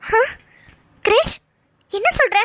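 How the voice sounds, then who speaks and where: A woman voicing a lively young woman who teases her childhood friend in quick banter. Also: very high-pitched, full character voice. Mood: teasing.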